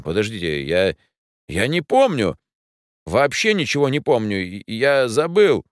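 A man's voice: lowish voice, huge pitch swings, unhurried, dry recording, studio quality, voice pushed up. Man doing a stammering, flustered man. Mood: confused. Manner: hesitant, stammering. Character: flustered, forgetful middle-aged man.

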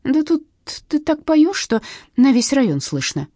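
A woman voicing a bossy, sharp-tongued young woman who scolds and mocks her friend in an audiobook story. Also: high voice, very animated, unhurried, no room sound, clean studio sound, voice pushed up. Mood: mocking. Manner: scolding and mocking.

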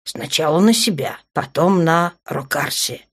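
A woman voicing a smug, teasing dark male lord in an audiobook, speaking low and soft, often near a whisper. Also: unhurried, husky, full character voice. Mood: calm.

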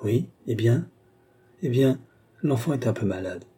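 A man voicing a tender young nobleman in an audiobook, speaking softly and consolingly. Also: medium pitch, lively intonation, unhurried, husky. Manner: soft, consoling. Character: tender young nobleman, gentle older brother.

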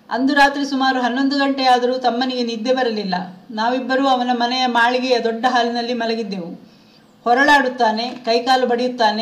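A woman reading a memoir aloud as an audiobook, in a steady, measured storytelling manner. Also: high-pitched. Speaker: audiobook reader. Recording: roomy echo.

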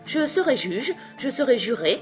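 Woman voicing a sly male dog, storybook, bossy, blustering, pitched up. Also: very animated, moderate pace, faint music behind. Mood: bullying. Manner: blustering, domineering.

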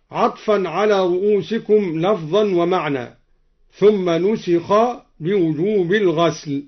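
Male reciter-teacher, high voice, dull lo-fi archival radio sound, plain explanation broken by slow chanted examples.

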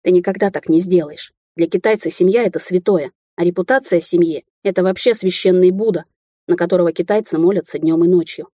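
A hurt, quarrelsome young woman hurls accusations in a rush of heat, as a woman reads her aloud. The voice is husky and dark, recorded dry and close. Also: lowish voice, fast talker, no echo, close to an everyday voice. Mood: accusing. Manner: heated, accusing.

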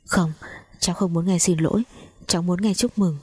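Grieving young heiress, twenty, low husky voice, read by a woman storyteller. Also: normal speed, a little mellow, no room sound. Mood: pleading. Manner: pleading, broken speech.

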